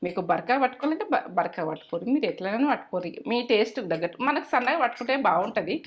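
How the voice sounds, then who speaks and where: A middle-aged woman talks at a brisk clip as she hosts a home cooking video. Her voice sits at an ordinary middle pitch. She chats along casually, circles back over her points and slips homely life advice in between the cooking. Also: lively intonation, highs cut off. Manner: chatty, repeats herself, gives homely advice. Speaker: cooking channel host.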